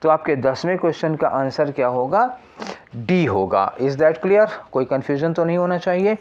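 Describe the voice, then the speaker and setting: A man's voice: a little high, expressive, moderate pace, dull audio, slight background noise. A man teaching an exam prep lesson, explaining step by step and asking and answering his own questions.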